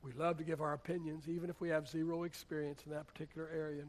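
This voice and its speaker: High-voiced pastor preaching. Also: male voice, fast. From United States. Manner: conversational, animated storytelling with humor. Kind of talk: sermon. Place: church.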